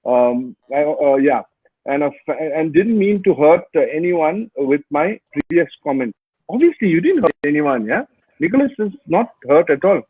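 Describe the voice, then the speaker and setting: A man's voice: a little high, animated, husky, no room sound. Male host, casual and teasing, slightly raised voice, phone-quality audio. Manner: chatty, teasing, halting fillers. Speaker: host reading viewer comments. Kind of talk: casual live interview. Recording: thin phone-like video call line.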